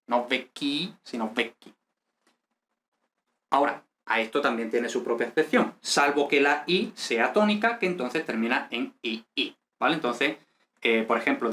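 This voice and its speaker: A man's voice: medium pitch, sharp tone. A man teaching an Italian grammar class in Spanish, explaining step by step and checking in often with his students. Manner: patient, repeats "¿vale?" to check understanding. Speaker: language teacher.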